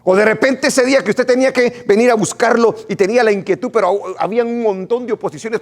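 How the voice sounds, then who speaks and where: A male pastor preaching a sermon to his congregation in an animated way, often repeating and restarting his words. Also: sits high. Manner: animated, acts out what his congregation says.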